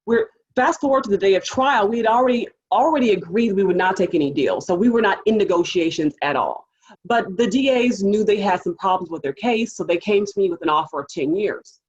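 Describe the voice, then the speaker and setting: A woman with a husky, breathy voice tells a story in animated fashion, and she acts out the other people's lines. The sound is muffled and lo-fi. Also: mid-range voice, brisk. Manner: animated storytelling with acted quotes. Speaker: public defender. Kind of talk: panel storytelling.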